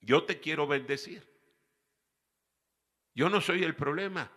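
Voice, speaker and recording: A preacher speaking as God, gentle and firm. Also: male voice, fairly high pitch, takes it slowly, in a large hall, heavily acted. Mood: gently reproachful. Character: God, calm fatherly male voice rebuking gently.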